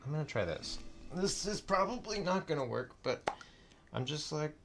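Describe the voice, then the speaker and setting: A man's voice: on the high side, animated, moderate pace, creaky, over music. A man hosting a live stream, rambling and laughing as he thinks aloud while painting. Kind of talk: casual live stream chat.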